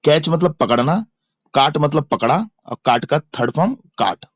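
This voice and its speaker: Over a dry recording, a man with a slightly high voice and Indian accent speaks at normal speed, teaching English grammar for an exam. He explains in Hindi, repeating verb forms in a chant and spelling them aloud letter by letter.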